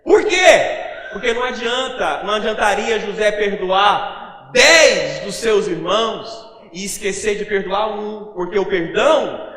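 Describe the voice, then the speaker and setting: High-voiced Brazilian pastor in an echoey church. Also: male voice, a bit bright. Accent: Brazilian Portuguese. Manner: emphatic, questions the congregation. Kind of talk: sermon. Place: church conference hall. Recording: echoey church hall with long reverb.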